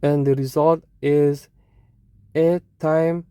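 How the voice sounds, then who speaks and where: A teacher with an Indonesian accent, explaining a lesson in short, halting phrases and correcting themselves. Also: medium pitch, level tone, dark tone, clean tone, no echo.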